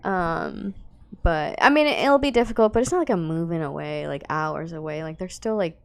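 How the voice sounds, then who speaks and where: A woman's voice: lowish voice, moderate pace, vocal fry. A young woman co-hosting a podcast, chatting casually and laughing often as she tells an emotional story. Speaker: podcast co-host. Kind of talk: casual chat.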